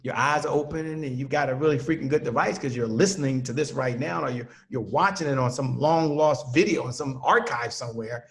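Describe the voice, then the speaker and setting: A man's voice: medium pitch, fairly quick, gravelly, hardly any pauses. A man who trains sales teams, a guest telling a personal story in an earnest, motivational way.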